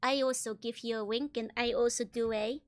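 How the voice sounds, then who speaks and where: A woman livestreamer chatting casually with viewers in a bubbly, giggly, gushing way, with a high-pitched bright voice. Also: fairly even intonation, moderate pace. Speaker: streamer, virtual YouTuber host.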